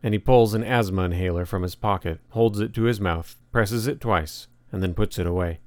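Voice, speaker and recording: A man reads nonfiction aloud in a measured, reflective manner. His voice sits very low and is recorded dry and close, with no room around it. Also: darkish tone, no echo. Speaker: narrator. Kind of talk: audiobook narration of nonfiction.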